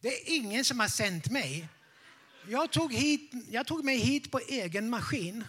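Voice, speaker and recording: A man's voice: very high-pitched, big pitch swings, sharp tone, slightly rough, heavily acted. A man voicing a nervous older woman who is a blunt skeptic and talks in a hurry. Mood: earnest. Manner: hurried, fast talk.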